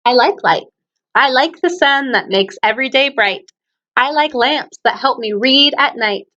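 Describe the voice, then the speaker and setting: A woman teacher's high, bright, forceful voice carries lively intonation at a moderate pace as she reads children's poems, explains things, and often questions her young audience. The audio is dull.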